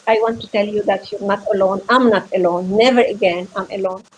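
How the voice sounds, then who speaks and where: A woman from Venezuela who works as a psychotherapist, giving a heartfelt motivational talk over a video call in an earnest, halting way, often repeating words as she searches for phrasing. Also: medium pitch, steady tone, husky, low-quality recording. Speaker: psychotherapist, guest speaker.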